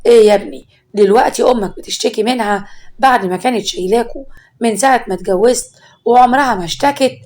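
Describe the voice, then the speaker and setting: A woman's voice: a little high, fast talker, a little mellow, natural voice. A woman with an Egyptian accent voicing an older father, reproachful and questioning.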